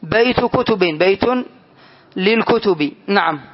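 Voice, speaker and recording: A man teaching a grammar lesson to students, explaining slowly and deliberately and often putting questions to the class. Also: high-pitched, lively intonation, muffled recording.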